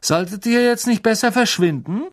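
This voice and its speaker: A man reading an audiobook, voicing a sneering, arrogant teenage wizard boy with a drawn-out, taunting delivery. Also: sits high, voice pushed up.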